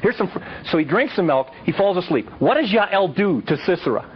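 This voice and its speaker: A man teaching a live audience, telling Bible stories in a lively way and quizzing his listeners. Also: sits high, fairly quick. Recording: dull lo-fi recording.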